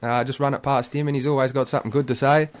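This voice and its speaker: A man's voice: mid-range voice, flat delivery, racing. An Australian man chatting casually in a slangy, laid-back tradesman's manner. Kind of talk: casual chat.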